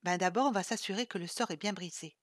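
A woman voicing a zany, playful friend who teases loudly and jokes to lighten the mood. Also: medium pitch, fast, no echo, clean studio sound, close to an everyday voice. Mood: teasing. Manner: teasing, loud, playful. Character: zany joking woman friend, teasing, lively.

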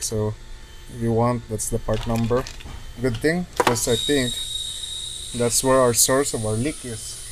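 A man talking casually and matter-of-factly through a hands-on repair tutorial as a mechanic. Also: mid-range voice. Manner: plain, matter-of-fact. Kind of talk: casual hands-on how-to narration. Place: car repair garage. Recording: clear workshop background noise.

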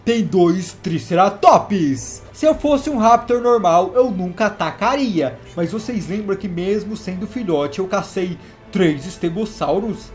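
A man hosting a gaming video, narrating in character as his dinosaur with an excitable, theatrical delivery. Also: high-pitched. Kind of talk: role-played game narration.

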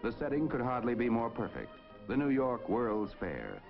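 A man's voice: medium pitch, wildly swooping pitch, normal speed, creaky. 1950s broadcast man, lo-fi with music. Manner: stately, declamatory announcer delivery. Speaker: narrator. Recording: dull lo-fi 1950s film soundtrack with music.

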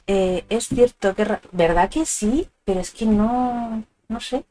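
A woman's voice: fairly high pitch, takes it slowly, dark tone. A woman with a Spanish accent from Spain, chatting casually and affectionately with viewers as she streams a video game. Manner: chatty, informal, addressing viewers with endearments. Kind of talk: casual livestream chat while playing a video game. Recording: music playing behind the voice. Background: game music and stream sound alerts.

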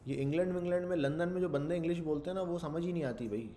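A man's voice: on the high side, very fast, mellow, a little hiss or hum. A man teaching a casual coding lecture, thinking aloud and slipping English terms into his talk. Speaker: programming instructor.

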